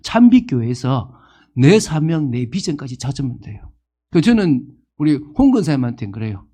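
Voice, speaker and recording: A man's voice: medium pitch, sing-song, normal speed, warm tone. A man in his fifties preaching a sermon as pastor, asking the congregation questions and acting out the people he quotes. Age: 50s.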